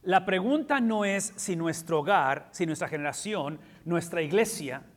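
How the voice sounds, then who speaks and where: A man's voice: sits high, expressive, a little slow. Emphatic man preaching in a reverberant hall. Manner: emphatic, repeats key words, slips in English terms. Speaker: pastor. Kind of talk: sermon. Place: church hall.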